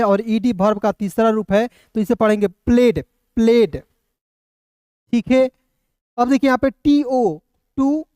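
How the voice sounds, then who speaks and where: In this Hindi-language English reading lesson online, the teacher spells words letter by letter and quizzes viewers patiently, calling them friends and repeating often. The voice is mid-range, mellow, and smooth, with clean studio sound and no room echo.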